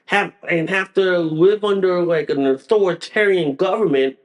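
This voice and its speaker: A man's voice: sits high, moderate pace. A man hosting a solo podcast, ranting angrily with profanity and frequent stumbling restarts. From United States. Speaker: podcast host. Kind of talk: solo political rant.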